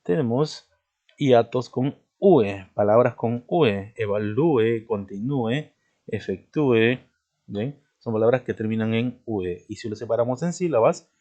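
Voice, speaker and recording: A man's voice: mid-range voice, animated, warm tone. A man teaching a recorded grammar lesson, explaining step by step and checking in with his listeners after nearly every point. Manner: explanatory, repeats "¿de acuerdo?" and "¿no?" as check-ins; spells out words slowly, stressing each example. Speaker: language teacher. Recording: dull lo-fi recording.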